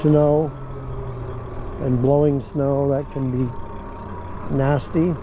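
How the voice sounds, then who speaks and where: A middle-aged man chatting casually in a vlog as he rides an e-bike down a residential street, musing and relaxed with plenty of fillers. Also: medium pitch, takes it slowly. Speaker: e-bike vlogger. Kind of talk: casual vlog narration while riding. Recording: outdoor street traffic noise.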